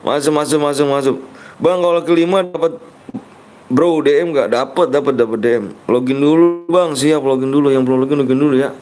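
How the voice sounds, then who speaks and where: A man's voice: fairly high pitch, brisk, a little mellow, faint music behind. A man streaming a mobile game live, chatting in slang and reading out viewers' messages. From Indonesia. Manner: slangy, joking, reads viewers' chat aloud. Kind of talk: casual live-stream chat.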